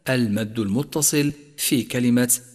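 A man gives a Quran recitation lesson in a steady, mid-pitched voice, explaining each rule step by step. He stretches the example words out in slow, melodic recitation. The recording carries a long reverberant tail. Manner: recites verses slowly and melodically, explains rules in measured voice. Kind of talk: tajweed lesson.

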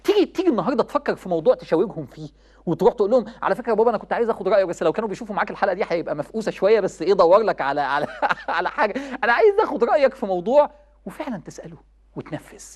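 A woman's voice: very animated, racing, a little mellow. A young woman with an Egyptian accent giving a passionate religious talk, acting out the voices she quotes. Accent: Egyptian Arabic. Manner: passionate, rising to high exclamations, acts out quoted voices. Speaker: religious speaker. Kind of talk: Ramadan sermon talk.

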